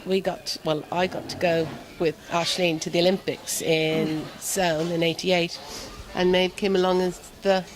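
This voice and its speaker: A middle-aged woman telling stories in a warm, rambling way during a casual interview. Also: lowish voice, level tone, measured pace, hardly any pauses, low-quality recording. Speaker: volunteer at the event.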